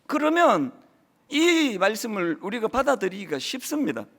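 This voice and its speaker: A man's voice: high-pitched, big pitch swings, normal speed, fairly bright tone. A man in his fifties, a senior pastor giving a conversational sermon, telling stories and speaking straight to the congregation. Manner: chatty storytelling, addresses congregation directly. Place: church service.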